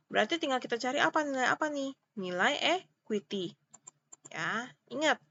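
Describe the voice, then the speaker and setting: In a little-high, fairly bright voice on lo-fi sound, a woman accounting lecturer with an Indonesian accent runs an informal step-by-step tutorial. She repeats her points and checks that listeners follow with short questions.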